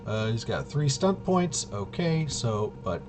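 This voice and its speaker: A man's voice: medium pitch, very animated, slow pace, background noise. A man casually walking through tabletop gameplay, thinking aloud and hesitantly muttering to himself as he works things out. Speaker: solo tabletop RPG player and presenter.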